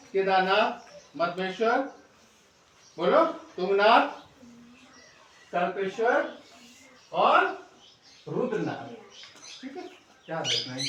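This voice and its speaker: A man's voice: high-pitched, a bit bright. A middle-aged male schoolteacher, teaching a class and coaxing the pupils with constant check-in questions. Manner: coaxing, keeps asking "है ना?". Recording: echoey room, distant mic, faint noise.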